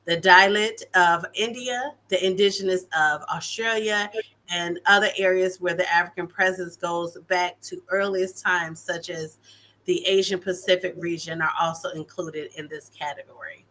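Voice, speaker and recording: A woman on a discussion panel reading a passage aloud in a steady way, with small slips. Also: lowish voice, moderate pace.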